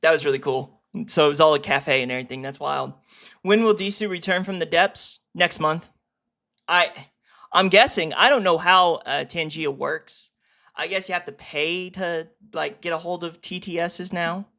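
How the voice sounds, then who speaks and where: In a mid-range voice, a streamer works through ranking a video series with profane, laid-back reactions. He gets excited fast and breaks into laughter readily.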